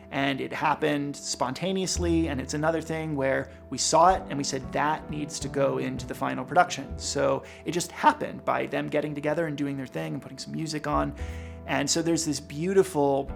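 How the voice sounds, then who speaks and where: A man with a heavily gravelly, fry-laden voice pitched a little high, speaking thoughtfully in a behind-the-scenes interview. He explains the ideas behind his dance production, with soft music playing underneath. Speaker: production director.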